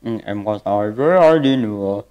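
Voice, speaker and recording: A man's voice: fairly low pitch, lively intonation, normal speed, smooth, muffled recording. A man live-streaming a game, bantering crudely and jokingly with his viewers. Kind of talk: casual live-stream chat.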